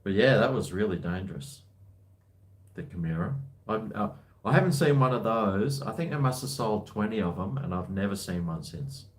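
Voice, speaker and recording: This man hosts a livestream, responding to viewer comments in a relaxed, rambling way full of blokey slang. He speaks at normal speed in an expressive voice on the low side.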